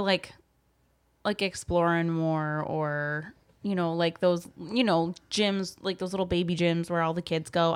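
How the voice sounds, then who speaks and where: A woman co-hosting a podcast in casual chat, rambling with many fillers. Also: lowish voice. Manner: rambling, full of "like" and "you know". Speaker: podcast co-host.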